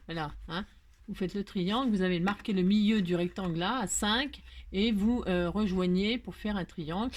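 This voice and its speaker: A woman's voice: medium pitch, slight background noise. A woman hosting a crafting tutorial, talking casually step by step, self-mocking and checking in with the viewer often. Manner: chatty, self-mocking, asks "hein?" and "d'accord?" often.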